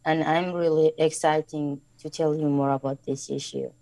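A woman from Somalia, a guest co-presenter on a radio show, speaking slowly and carefully in a halting way. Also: low voice, level tone, warm tone, dry recording, rough recording. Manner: slow, careful, halting speech. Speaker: guest co-presenter and refugee volunteer.

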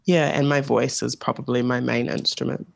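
Creaky, hesitant New guest. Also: medium pitch, flat delivery, normal speed. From New Zealand. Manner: hesitant, many ums, laughs lightly. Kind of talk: casual interview chat.

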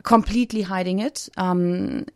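A woman's voice: on the low side, fairly even intonation, unhurried, creaky, a little mellow, no room sound. A woman from Germany, a radio studio guest, telling her personal story hesitantly with many fillers and restarts. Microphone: studio microphone.

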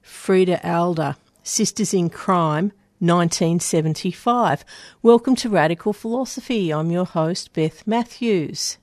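A woman's voice: on the low side, measured pace, darkish tone, no room sound, clean studio sound. A woman presenting a prepared interview as a radio host.

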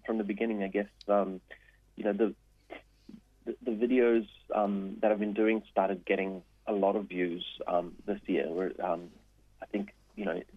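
A man's voice: lowish voice, husky, no echo. A man, interviewed as a guest, talking in a rambling way with many fillers. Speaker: guest, satirical video creator. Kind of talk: phone interview. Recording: tinny phone line.

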